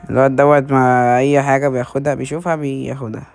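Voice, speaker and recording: A gaming video creator with an Egyptian Arabic accent offers casual commentary on his gameplay, excitedly shouting to teammates and teasing them. He talks fast, in a mid-range voice with vocal fry.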